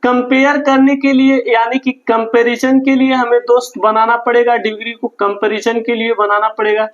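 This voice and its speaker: A man's voice: extremely high pitch, level tone, normal speed, dull audio. A man teaching a grammar lesson in an online class, explaining patiently and repeating words and phrases. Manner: patient, repetitive explaining, often says "friend".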